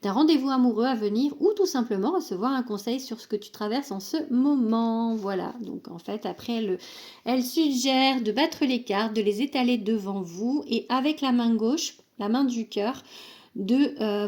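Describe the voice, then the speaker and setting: A woman's voice: on the high side, a little mellow. A young woman casually presenting an oracle card deck, hesitant with many fillers, reading card texts aloud.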